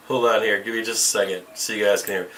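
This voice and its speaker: Heard from a distance through a tinny camera mic that makes him sound like he's inside a tin can, a man hosts a casual trading livestream. His fairly low voice comes across pushed and bright, and he swears freely, speaks bluntly and restarts sentences often.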